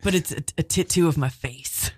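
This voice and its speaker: A man playing a stoned, spacey male stoner artist who talks in deadpan, absurd non sequiturs. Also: on the high side, normal speed, breathy edge, dry recording, clean studio sound. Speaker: comedic character "Reefer Man". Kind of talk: improvised comedy sketch.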